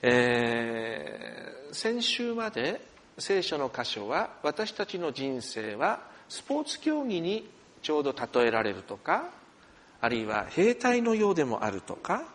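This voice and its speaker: Male senior pastor, sermon delivery, animated storyteller with a lively pitch, church hall. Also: a little slow. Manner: expressive storyteller, animated asides. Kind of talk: sermon with opening prayer.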